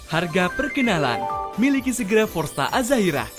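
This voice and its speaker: A woman reading a scripted infomercial voice-over as a promotional sales pitch. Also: very animated, fairly quick. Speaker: commercial announcer. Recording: music under the voice. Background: loud music.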